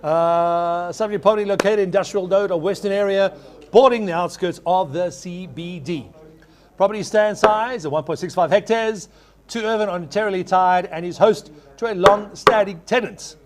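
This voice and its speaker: Give me a male auctioneer with a high-pitched voice. He runs a live property auction, addressing bidders formally and repeating figures as he calls for offers. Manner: repeats figures in rapid chant when taking bids.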